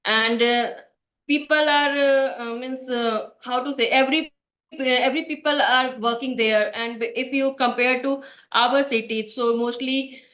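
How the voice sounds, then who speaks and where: A woman's voice: high-pitched, fairly even intonation, measured pace, a bit bright. A woman from Bihar with an Indian accent, practicing English in a casual conversation and speaking hesitantly with many fillers and restarts. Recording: echoey, dull lo-fi sound.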